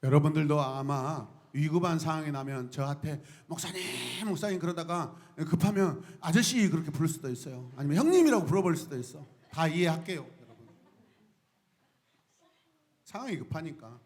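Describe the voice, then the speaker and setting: Man preaching a lively sermon, kinda high pitched, yells out cries, gets the crowd to join in. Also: moderate pace. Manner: lively, shouts out cries and prompts the congregation. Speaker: pastor.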